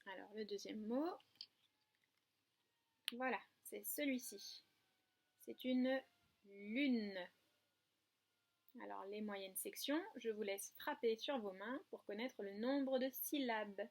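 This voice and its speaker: Slow, patient woman teaching small children. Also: medium pitch. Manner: slow, clear, patient, spells out letters and syllables. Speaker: kindergarten teacher. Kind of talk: remote classroom lesson.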